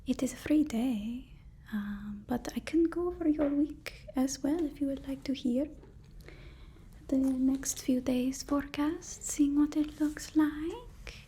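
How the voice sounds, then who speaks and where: This ASMR performer has a high-pitched voice with a dark tone. She whispers as the deferential, fussy personal assistant to a supervillain, halting often and repeating what she says.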